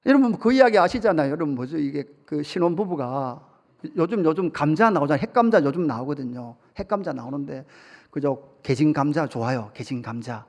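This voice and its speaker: A man preaching a sermon as pastor, lively, asking the congregation questions and telling humorous stories. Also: a little high, brisk. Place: church sanctuary. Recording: long reverb of a church sanctuary.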